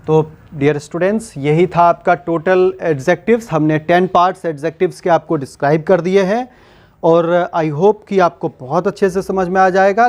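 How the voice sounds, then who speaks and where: Slow, high-voiced grammar teacher. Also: male voice, a little mellow. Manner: slow, repeats and quizzes with rhetorical questions. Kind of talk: spoken grammar lesson.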